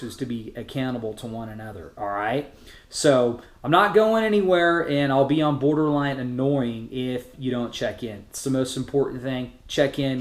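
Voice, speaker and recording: Male coach for an informal group message. Encouraging, everyday delivery, average pitch, recorded with noticeable room echo. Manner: casual, encouraging, plain-spoken. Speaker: fitness challenge group coach. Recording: roomy, echoing sound.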